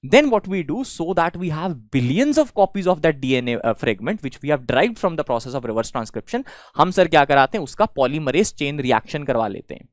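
A man's voice: on the high side, sing-song, rapid-fire, dry recording, studio quality. A young man with a North Indian accent giving a classroom lecture as a teacher, mixing Hindi and English, explaining with rhetorical questions and frequent check-ins. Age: young adult. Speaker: teacher at an exam coaching institute. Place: indoor studio in front of a presentation board.

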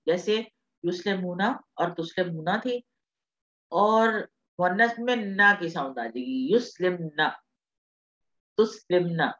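Woman teaching online class, calm n reassuring, muffled call sound. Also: lowish voice. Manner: patient, reassuring, mixes English terms.

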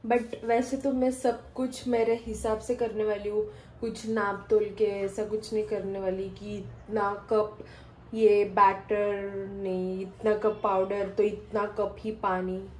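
A woman's voice: mid-range voice, level tone, slow pace, a little mellow, a little hiss or hum, rough recording. A young woman chatting casually through a home cooking vlog, rambling and correcting herself as she goes. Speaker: cooking vlogger. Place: home kitchen.

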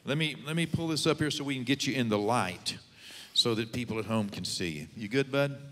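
Pastor praying in a reverberant church. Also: male voice, mid-range voice, fairly quick, fairly bright tone. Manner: fervent prayer, repeating Lord and God. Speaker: host pastor. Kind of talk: introduction and prayer.

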